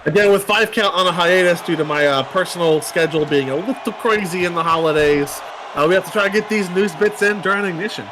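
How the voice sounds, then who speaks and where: A man's voice: high voice, fast, noisy background. A man calling wrestling play-by-play, counting pinfalls aloud and dropping chatty news asides. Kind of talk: play-by-play commentary.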